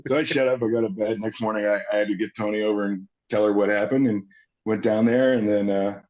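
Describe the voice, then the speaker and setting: A man's voice: lowish voice, quick pace. A man in his forties, an actor guest, telling anecdotes casually and acting out the people in them. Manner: animated storyteller who acts out the people he quotes. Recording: slightly dull lo-fi audio.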